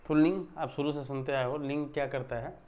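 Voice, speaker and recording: A man's voice: on the high side, steady tone, a little fast, warm tone. Man teaching a casual grammar lesson. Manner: conversational, repeats "thik hai" often, stresses words for emphasis. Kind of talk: explanatory online lesson.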